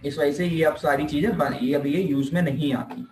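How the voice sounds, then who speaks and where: A man with an Indian accent and a slightly high, steady, somewhat mellow voice speaks at normal speed, teaching physiotherapy in an informal classroom lecture that mixes Hindi with English terms. He repeats points and answers his own questions, and the room is echoey with slight background noise.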